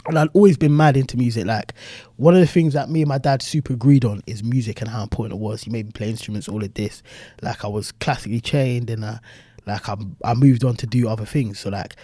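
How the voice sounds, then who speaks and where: A young man from South London with a London accent, telling stories as a guest in casual podcast chat, animated and full of "like". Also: medium pitch, no room sound, clean studio sound. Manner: fast, chatty, peppered with "like", animated.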